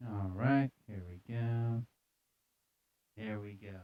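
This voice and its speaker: Over background music, a man hosts a live, casual comedic news show, reading headlines and riffing on them with sarcastic, mock-serious repetition. His voice is fairly low and slow. The sound is phone-quality with no echo.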